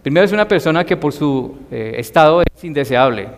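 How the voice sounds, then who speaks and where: Guy preaching, kinda high voice, big long echo, gets loud and emphatic. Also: lively intonation, fairly quick, a little hiss or hum. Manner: emphatic, rising to loud acted cries for quoted voices. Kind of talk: sermon.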